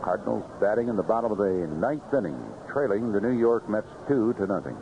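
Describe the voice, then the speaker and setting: In a low-leaning, expressive voice, a man briskly narrates baseball play-by-play for 1970s radio from a ballpark booth, using clipped phrases and vivid calls. The band-limited old broadcast is muffled, with noise behind him.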